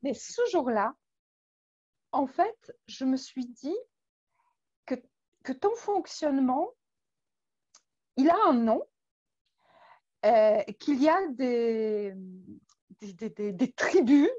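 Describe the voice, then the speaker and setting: A woman's voice: sits high, animated, slow pace, pauses often, warm tone, dry recording, highs cut off. A woman from Poland with a Polish accent, speaking French as a guest in a casual interview, hesitant and full of fillers and restarts. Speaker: guest coach.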